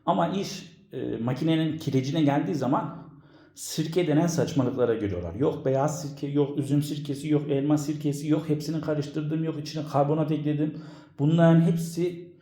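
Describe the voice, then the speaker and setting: Man, casual home how-to presenter, hesitant fillers, booming echo from an empty room. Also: moderate pace, warm tone. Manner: explanatory, with frequent hesitation fillers. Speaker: home appliance demonstrator. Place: home room with bare floors, carpets removed. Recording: echoey bare room at home.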